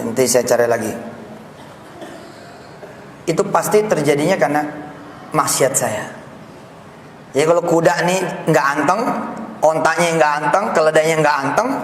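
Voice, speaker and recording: A man with a Jakarta Indonesian accent preaching a lively sermon in a mosque, joking and bantering with the crowd in casual slang. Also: on the high side. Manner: animated, jokey, slangy, banters with the audience. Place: mosque hall. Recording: echoey hall, faint background noise.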